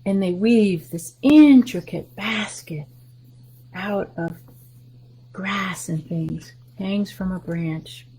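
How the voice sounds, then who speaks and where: Reading a picture book aloud at a library story time, a woman explains the pictures to children in a slow, gentle mid-range voice that frequently sinks to a soft whisper. A little hiss or hum sits in the recording.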